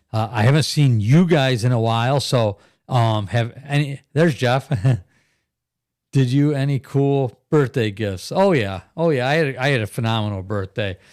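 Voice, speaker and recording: A middle-aged man hosting a casual live stream, rambling and chatty, breaking into laughs as he reads out viewer comments. His voice sits at an everyday middle pitch. The sound is dry and close, with no room echo. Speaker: live podcast host.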